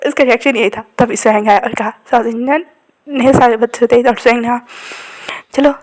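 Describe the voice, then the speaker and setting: A woman's voice: fairly high pitch, fairly even intonation, fast talker. Chatty woman retelling a story. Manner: chatty, addresses listeners as "bhai". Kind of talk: casual fan-fiction retelling.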